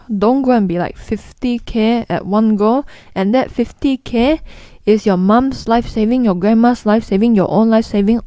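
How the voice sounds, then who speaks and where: Talking straight to camera, a young Singaporean-accented woman who vlogs about investing lays out common mistakes bluntly and chattily, putting on voices when she quotes people. Her voice is mid-range with a dark tone, and there's no echo.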